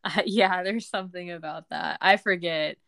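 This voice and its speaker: A young woman co-hosting a podcast, chatting casually and rambling with many pauses and fillers. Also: on the low side, a bit bright, no echo, studio quality. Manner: rambling, lots of ums and likes. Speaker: podcast co-host. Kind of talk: casual chat.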